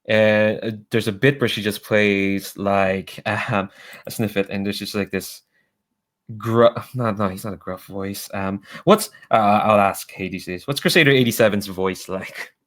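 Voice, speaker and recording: A man's voice: lowish voice, unhurried, a bit bright. A man narrating a tabletop role-playing game as game master, improvising in an informal, hesitant way.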